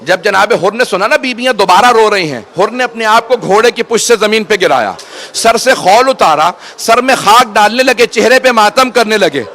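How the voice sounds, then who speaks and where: A man's voice: sits high, lively intonation, a bit bright. A man, a cleric reciting a mourning sermon to a gathering, urging his listeners to weep and drawing out his phrases in grief. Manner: urges the audience to weep, stretches phrases in grief-laden recitation.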